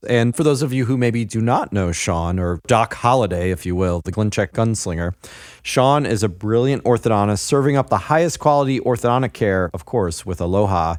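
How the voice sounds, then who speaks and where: A man's voice: fairly low pitch, animated, brisk, darkish tone, dry recording, studio quality. A man hosting an interview podcast, upbeat and jokey, laughing often in casual chat. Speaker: podcast host. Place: hotel.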